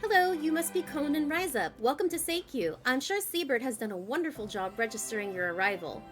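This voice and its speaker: A woman's voice: high-pitched, lively intonation, a little fast, soft background music. A woman voicing a cheerful, welcoming woman mayor in a game, polite and a little flustered. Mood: friendly.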